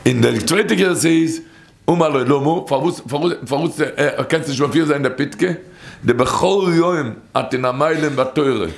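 A man's voice: a little high, normal speed, vocal fry. A man telling a story and teaching from a midrash in an informal, rambling way, often repeating phrases and restarting.

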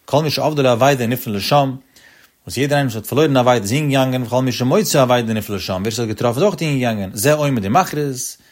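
Guy w/ ish doing a talmud lesson, sing-song, talks fast. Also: mid-range voice. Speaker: Talmud teacher. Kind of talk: Talmud lecture.

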